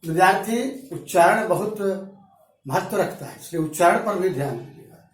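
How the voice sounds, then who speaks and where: A man teaching a school grammar lesson in a classroom, reciting word forms slowly and stretching them out. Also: high voice, animated. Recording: very echoey room, mic far off.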